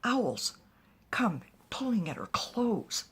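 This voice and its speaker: A woman telling a fantasy story aloud in an animated way, often dropping to a whisper. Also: mid-range voice, takes it slowly. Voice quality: husky and breathy.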